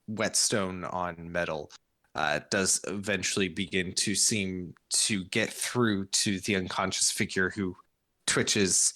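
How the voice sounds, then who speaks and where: A man's voice: fairly low pitch, pushed and bright, no echo. A man narrating an improvised tabletop game as the game master.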